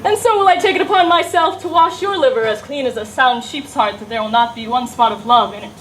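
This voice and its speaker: A woman performs a witty young woman disguised as a cheeky lad. The voice is high and the delivery is hammy, theatrical Shakespearean comedy. There is faint noise in the recording. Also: fast talker, natural voice, low-quality recording. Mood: witty, exuberant. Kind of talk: Shakespearean stage comedy acting.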